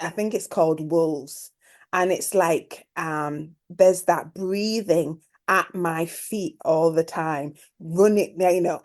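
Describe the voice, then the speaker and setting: A woman interviewing in a reflective conversational style, speaking in halting phrases and repeating words for emphasis. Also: on the low side, a little mellow. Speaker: podcast interviewer.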